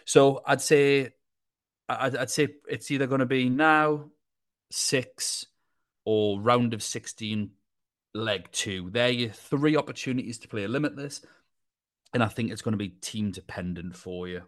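A man co-hosting a fantasy football podcast, giving casual advice in a measured, explanatory way. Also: mid-range voice. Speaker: co-host and panellist.

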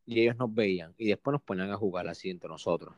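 A young man with a Puerto Rican accent telling stories casually in an interview, animated and full of restarts. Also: sits low, fast talker, dry recording. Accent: Puerto Rican Spanish. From Puerto Rico. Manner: animated, acts out quotes with restarts. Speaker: guest, basketball player.

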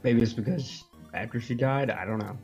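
A man's voice: mid-range voice, normal speed, darkish tone, dull audio, faint music behind. Easygoing male podcast co-host. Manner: easygoing, rambling storyteller. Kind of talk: casual podcast chat.

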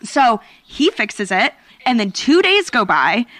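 A woman's voice: fairly high pitch, very animated, slow, fairly bright tone, no echo. A young woman co-hosting a podcast, telling a story in casual chat with lots of fillers. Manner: chatty storytelling with many fillers. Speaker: podcast co-host. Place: basement at home.

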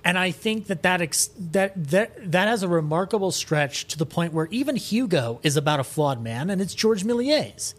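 A man with a high-sitting voice and lively intonation talks at a moderate pace with few pauses. Appearing as a podcast guest, he offers opinions on music and film in a casual chat, emphatic and enthusiastic, regularly restarting mid-thought.

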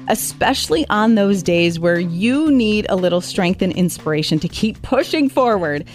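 A woman hosting an interview, introducing her guest with upbeat enthusiasm. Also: medium pitch. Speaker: podcast host. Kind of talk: casual interview chat.

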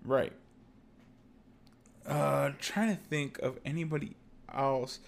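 A young man co-hosting a podcast in casual chat, often pausing to search for words. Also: mid-range voice, fairly even intonation, vocal fry. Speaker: podcast co-host. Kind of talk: casual chat about an anime.

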